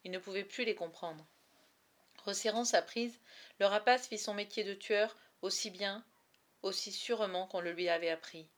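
A woman reading a novel aloud chapter by chapter, with expressive, dramatic storytelling. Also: mid-range voice, normal speed. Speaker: reader.

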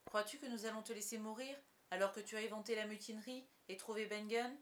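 A composed, dutiful ship's doctor speaks in a measured, earnest way, as a woman reads him. His voice stays close to the reader's own. This is storybook narration. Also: medium pitch, fairly even intonation, slight background noise, voice pushed up, natural voice. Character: calm, dutiful middle-aged male ship's doctor.

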